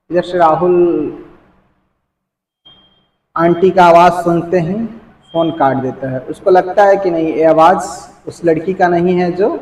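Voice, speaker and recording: A man's voice: a little high, a little mellow, roomy sound, rough recording. Bhojpuri-accented man telling a story. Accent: Bhojpuri-region Hindi. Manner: plain, chatty retelling. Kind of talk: casual spoken storytelling.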